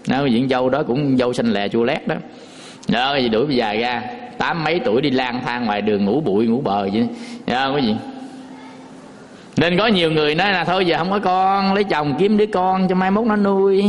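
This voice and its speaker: A man's voice: on the high side, brisk. A man, a Buddhist monk, giving a folksy dharma talk full of rhetorical questions to his listeners. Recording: long hall reverb.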